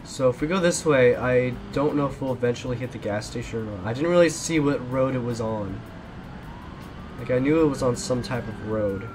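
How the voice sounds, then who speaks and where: A man's voice: medium pitch, fairly quick, background noise. A young man giving casual gameplay commentary while driving from police, often repeating himself when things go wrong. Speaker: gaming YouTuber.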